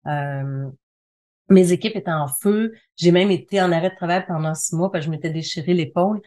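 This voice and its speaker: Her voice is lowish and mellow, running a little fast, as this middle-aged interview guest with a Quebec French accent explains things conversationally. She works as a communication consultant and trainer and tends to repeat phrases for emphasis.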